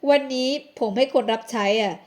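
A woman's voice: a little fast, close to an everyday voice. A woman voicing a bossy rich young man in an audio drama, curt and dismissive. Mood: tender.

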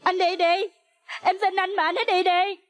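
A woman's voice: very high-pitched, lively intonation, slow pace, sharp tone, full character voice. A woman dubbing a distraught young woman who pleads tearfully with a raised voice, for a film. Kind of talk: Vietnamese film dub.

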